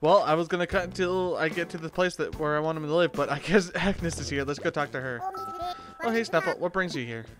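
A man's voice: on the high side, fairly even intonation, quick pace, few pauses. A young man casually commenting while playing a video game, joking and laughing to himself. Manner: joking, laughs between lines. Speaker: streamer. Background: game music.

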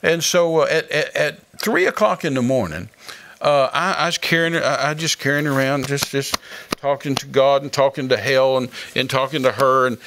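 A man's voice: mid-range voice, moderate pace, a bit bright, a little hiss or hum. A male guest minister earnestly telling a dramatic testimony in conversation.

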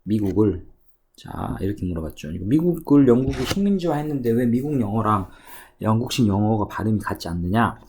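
A man teaching English at a cram school, walking through an exam passage by reading English phrases slowly and then explaining them. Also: lowish voice, animated, a little mellow, a little hiss or hum. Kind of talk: exam passage walkthrough lecture. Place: cram school lesson recording.

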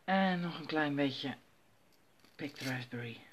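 Her voice sits low and she speaks slowly, with background noise in the recording. With her children asleep, the woman demonstrates stamping at home in a relaxed tutorial, narrating each step to herself as she goes.

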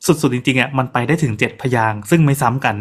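A man co-hosting a podcast in casual chat, animated and breaking into laughter as he mimics bird calls. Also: mid-range voice, quick pace. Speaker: podcast co-host.

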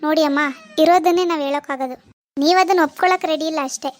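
A blunt, level-headed hospital doctor in an animated drama, voiced by a woman. The doctor delivers news firmly and without softening it. The voice is very high and the pace is brisk. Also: close to an everyday voice. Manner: firm, matter-of-fact.

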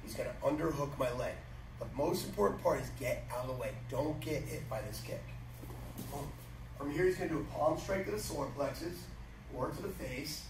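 A man's voice: fairly high pitch, fairly quick. A middle-aged man giving instruction to martial arts students, emphatic and repeating his key phrases. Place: large matted martial arts gym, indoors. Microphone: camera several metres away. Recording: echoey hall, distant mic, background noise.

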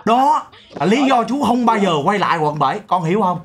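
A man's voice: high voice, very animated, brisk. Young man, playful mock-serious streamer, faint music behind. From Vietnam. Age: 20s. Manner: teasing, mock-serious storytelling. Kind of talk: casual video-chat banter.

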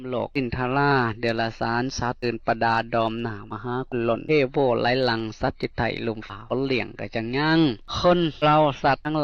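A middle-aged man, a Buddhist monk with an Isan accent, preaches a dharma sermon in a folksy storytelling way, repeating key words. His pitch sits in an ordinary middle range. The recording is dry and a little dull. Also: creaky, no room sound. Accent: Isan Thai. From Northeast Thailand.

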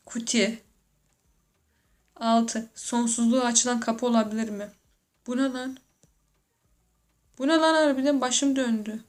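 A woman giving casual reaction commentary, joking, laughing often and exclaiming in slangy speech as she talks to herself. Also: fairly high pitch. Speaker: YouTuber reacting to photos.

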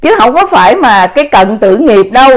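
Chatty woman, fairly high voice. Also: big pitch swings, a little fast. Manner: chatty, many fillers, addresses viewers often. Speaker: spiritual vlogger. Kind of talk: casual spiritual talk to viewers.

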